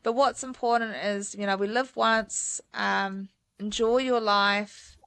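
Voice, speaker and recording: A woman's voice: medium pitch, fairly even intonation, slow pace, vocal fry, fairly bright tone, smooth. A woman, a mountain guide chatting enthusiastically as a podcast guest, with lots of fillers. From New Zealand. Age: 30s. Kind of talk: casual interview chat.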